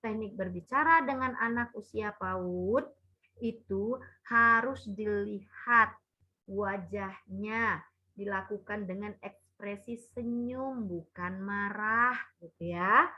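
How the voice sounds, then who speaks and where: A woman's voice: mid-range voice, slow pace. A woman giving a parenting talk, speaking to the parents as Bapak Ibu and acting out what mothers and children say. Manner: addresses listeners as Bapak Ibu, acts out mother and child lines. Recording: dull lo-fi recording.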